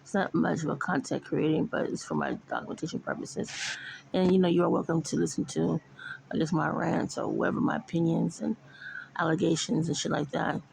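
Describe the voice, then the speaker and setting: A middle-aged woman talking in a casual, rambling vlog monologue, swearing now and then and filling pauses with "you know.". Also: low-pitched, animated, creaky, a little mellow, slight background noise, rough recording. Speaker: vlogger.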